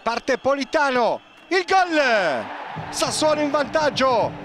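Guy calling a football match, really high voice, breathless and excited, stadium noise behind him. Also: slow pace, a faint crowd. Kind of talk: excited play-by-play football commentary. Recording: stadium ambience behind commentary.

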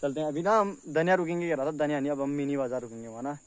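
A man's voice: on the high side, fairly even intonation, racing. Young man vlogging on a bike ride. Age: young adult. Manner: chatty, talks straight to the camera. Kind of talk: casual travel vlog on a motorbike ride. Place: outdoors on a hilly road. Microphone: camera held at arm's length and helmet camera.

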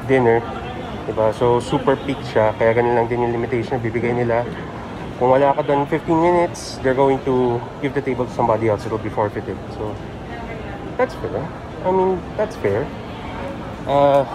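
A man with a Filipino accent, vlogging casually through a face mask as he walks and thinks aloud. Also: medium pitch. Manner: chatty, thinking aloud with many fillers. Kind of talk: casual walking vlog, mixing Tagalog and English. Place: busy outdoor mall area in a city. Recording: noisy street ambience with traffic.

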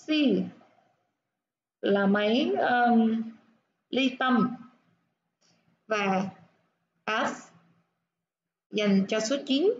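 A woman teaching nursing English, explaining step by step and repeating words slowly to show where the stress falls. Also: a little high, muffled recording, a little hiss or hum.

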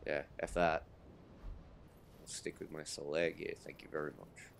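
A man's voice: a bass voice, little pitch movement, moderate pace, vocal fry, slight background noise. A man hosting a let's play, rambling and swearing casually as he plays. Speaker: let's play host playing the game. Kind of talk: casual gameplay chat.

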